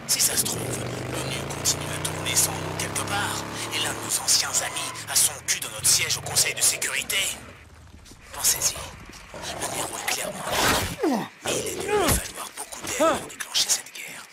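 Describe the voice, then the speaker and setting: A man's voice: on the high side, big pitch swings, normal speed. An actor playing a paranoid male conspiracy radio host, ranting and mocking on a pirate radio broadcast in a game. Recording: loud background noise.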